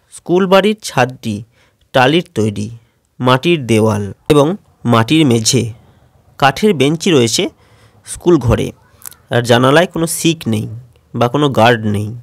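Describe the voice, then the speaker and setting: A man teaching schoolchildren in a steady question-and-answer lesson, announcing each question and then answering it, with a Bengali accent. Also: mid-range voice, vocal fry, no room sound, clean studio sound.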